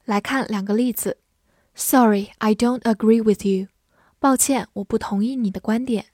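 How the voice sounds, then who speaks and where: A woman teaching English vocabulary in a scripted lesson, reading example sentences slowly and carefully. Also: on the high side, darkish tone, no echo, clean studio sound. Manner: slow, careful model readings.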